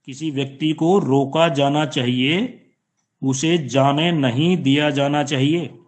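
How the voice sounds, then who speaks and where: Slow, patient male teacher. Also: a little high, steady tone. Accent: Indian. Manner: slow, patient explaining with repeated examples. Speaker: college teacher. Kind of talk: online class lecture. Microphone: online class, computer or phone mic.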